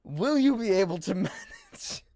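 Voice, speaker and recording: A man's voice: high voice, lively intonation, unhurried, a little mellow. A man hosting a live group reading over voice chat on a headset, teasing and swearing freely. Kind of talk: casual banter among friends.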